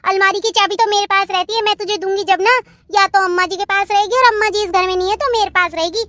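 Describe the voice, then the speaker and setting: A woman voicing a sharp-tongued young daughter-in-law in a cartoon, snapping back with quick retorts. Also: extremely high pitch, steady tone, background noise. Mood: defiant.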